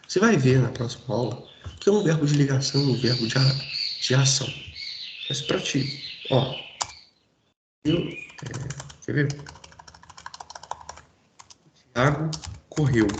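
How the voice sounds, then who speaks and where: Male teacher, casual grammar lesson, gravelly voice, echoey room, faint typing. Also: medium pitch, a little mellow, a little hiss or hum. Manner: informal, addresses students directly with frequent checks.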